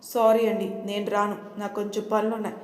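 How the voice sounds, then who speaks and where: A woman's voice: medium pitch, little pitch movement, brisk, natural voice. A woman voicing a polite, innocent young wife in an audio story. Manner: polite, courteous. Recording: echoey room with long reverb.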